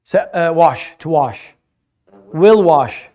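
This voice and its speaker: Male teacher, fairly high voice, patient classroom lecturing that stumbles over repeated words. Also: animated, slow pace, highs cut off. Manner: patient, repeats words while searching for phrasing; mixes English explanation with Arabic vocabulary. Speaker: Arabic teacher.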